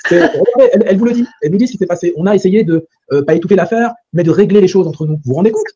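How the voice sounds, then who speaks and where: Animateur rapide à la voix sombre. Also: male voice, sits high, dark tone, breathy edge, muffled recording. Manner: addresses viewers directly, measured with fillers. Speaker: host. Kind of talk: hosting a live discussion.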